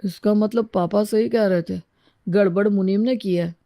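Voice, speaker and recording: Woman voicing a gravelly impulsive young son. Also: medium pitch, fairly even intonation, normal speed, warm tone, natural voice. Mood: determined. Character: young man, impulsive son scheming to fix a family feud. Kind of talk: cartoon story voice acting.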